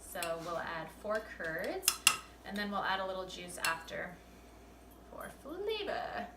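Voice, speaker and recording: A woman vlogs casually with a lowish, fairly even voice at a moderate pace, taking viewers through cooking at home. Shot at shops and in her home kitchen, the amateur recording is echoey and noisy with kitchen clatter.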